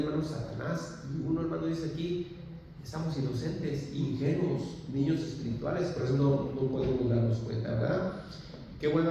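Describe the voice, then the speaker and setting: A man's voice: fairly high pitch, warm tone, a little hiss or hum. A man preaching a sermon, fervently addressing the congregation as brothers and reading scripture aloud with emphasis. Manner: fervent, repeating "hermanos" often. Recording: echoey hall heard from a distance.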